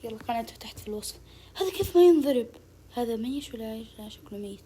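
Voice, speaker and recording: A channel host giving casual gameplay commentary, urging the game on with quick repeated words. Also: mid-range voice, animated, dark tone, slight background noise.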